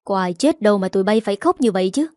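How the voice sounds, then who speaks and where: A woman's voice: mid-range voice, expressive, racing, warm tone, no room sound, studio quality, natural voice. A woman voicing a drunken, angry middle-aged father who scolds harshly in a story reading.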